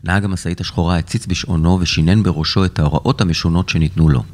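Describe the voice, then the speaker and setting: A man narrating a serialized children's story in a steady, dramatic way. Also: low voice.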